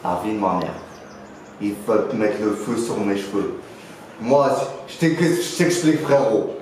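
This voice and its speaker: A man's voice: fairly low pitch, expressive, measured pace, a little mellow. A man playing a boastful young neighborhood dealer in a mock interview, rambling in French street slang full of filler words. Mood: defensive. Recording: very echoey room, faint noise.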